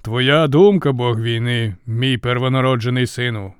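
A man voicing an imperious male king of the gods who makes solemn, booming speeches. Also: normal speed, smooth, no echo, clean studio sound, lightly acted. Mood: solemn, commanding.

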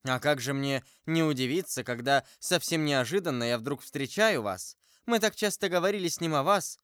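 An earnest, trusting young novice speaks eagerly and with feeling, as a male narrator puts her on, her voice pitched up and lively. The delivery is clear and smooth, and the audiobook recording is dry. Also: moderate pace, no room sound. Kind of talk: audiobook character voice.

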